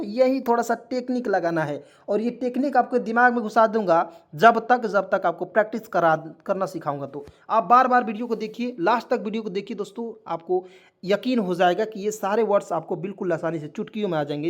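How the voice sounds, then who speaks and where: A man teaching an online lesson, spelling words out letter by letter, repeating himself and checking in with viewers again and again. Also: sits high. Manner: repetitive, keeps checking in with viewers.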